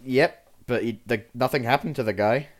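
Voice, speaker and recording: A man co-hosting a podcast as an archaeologist, excitable and quick to laugh, with trailing restarts. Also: mid-range voice. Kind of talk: casual chat.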